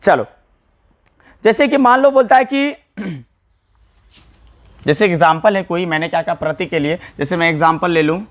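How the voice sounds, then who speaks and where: A man's voice: high-pitched, normal speed, long pauses. A man teaching an English grammar lesson, explaining patiently, repeating key points and addressing viewers casually as brother.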